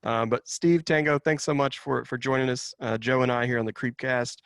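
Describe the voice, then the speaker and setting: A man's voice: medium pitch, fairly even intonation, brisk, fairly bright tone, clean tone, dry recording, clean studio sound. A man hosting an interview podcast, easygoing as he wraps up and thanks his guests. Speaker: podcast host.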